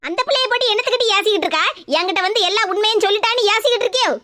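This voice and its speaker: A woman's voice: very high-pitched, racing, very noisy. A woman voicing a suspicious, scolding mother in a cartoon, with a Kanyakumari Tamil accent. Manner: scolding, nagging. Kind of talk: cartoon comedy dub.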